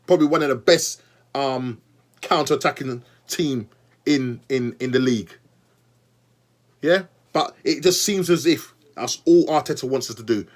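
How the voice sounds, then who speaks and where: A young man reviewing a football match as a fan, exasperated and animated, repeating himself and talking straight to the manager. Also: medium pitch, normal speed. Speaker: football fan channel host.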